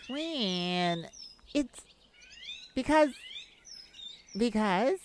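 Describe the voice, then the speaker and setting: Speaking at a medium pitch, a woman voices an animated, drawn-out performance as a bubbly, goofy, caring best friend and roommate in a soothing audio roleplay full of playful, theatrical lines. Birds and insects chirp in the background of this noisy nature-sound recording.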